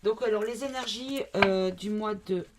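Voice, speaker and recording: A woman's voice: medium pitch, a little slow, background noise. A woman from the south of France doing a casual card reading to camera, thinking aloud with many fillers and asides. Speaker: card reader.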